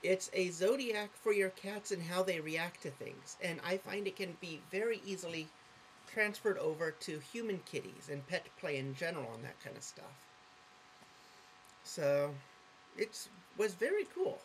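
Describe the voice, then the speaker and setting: A woman's voice: on the low side, lively intonation, moderate pace, a little hiss or hum, rough recording. A woman talking casually to camera in a vlog monologue. She rambles, corrects herself often and gets sidetracked, with an earnest, openly affectionate manner. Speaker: vlogger.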